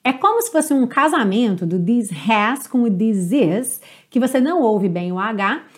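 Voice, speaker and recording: A woman from Brazil teaching an online English lesson, upbeat and clear, slowing down to model words. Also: fairly high pitch, expressive.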